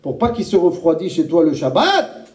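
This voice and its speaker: Man preaching with high chanted calls. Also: big pitch swings, normal speed, a little mellow, roomy sound, recorded from a distance. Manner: sways between high chanted calls and low murmured asides; chants Hebrew and Aramaic phrases in a sing-song. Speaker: rabbi. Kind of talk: sermon.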